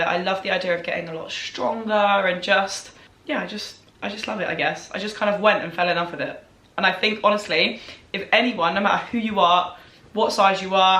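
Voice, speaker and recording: A woman's voice: medium pitch, fairly bright tone. A young woman in her early twenties chatting casually to viewers, rambling and self-deprecating, repeating words for emphasis. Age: early 20s. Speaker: vlogger answering viewer questions. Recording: echoey room.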